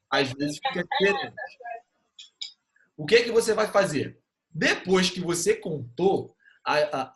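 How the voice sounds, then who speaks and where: A Brazilian man with a slightly high voice, explaining a lesson over a video call. He talks patiently and stops often to check that his students have understood. His tone is that of a teacher working through slides. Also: fairly bright tone. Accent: Brazilian Portuguese. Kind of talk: online class explanation.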